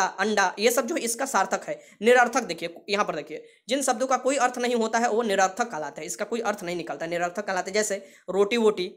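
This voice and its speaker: A woman teacher delivers a rapid exam-prep grammar lesson. She repeats each term several times and keeps asking her students questions, mixing English words into her explanations at a quick clip. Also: medium pitch. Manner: repeats key terms and asks the class questions.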